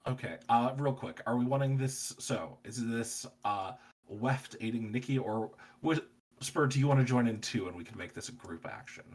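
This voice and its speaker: Husky man running a tabletop game. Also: mid-range voice, lively intonation, normal speed, darkish tone, rough recording. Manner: descriptive, cinematic, with restarts. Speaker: game master.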